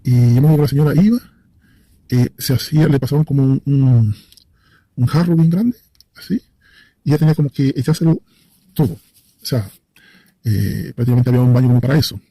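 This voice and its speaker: A man's voice: mid-range voice, a little fast, long pauses, mellow, no room sound. A man telling a personal story in a casual, vivid way, hesitating and searching for words, repeating phrases for effect.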